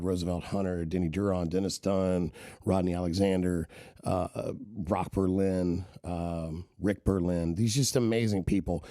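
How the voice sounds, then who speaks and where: A middle-aged man with roots in Kenya and the southern US tells long, rambling stories as a podcast guest, tagging lines with many "right?"s. It's a casual storytelling interview, and his low, warm voice is captured in a dry, clean studio recording.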